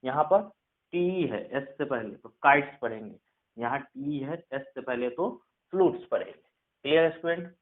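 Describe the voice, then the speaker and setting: Male teacher, mid-pitched voice, patient classroom delivery, lo-fi phone-quality audio. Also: expressive. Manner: slow dictation of rules, asks "clear?" often. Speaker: English pronunciation teacher. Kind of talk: classroom lesson.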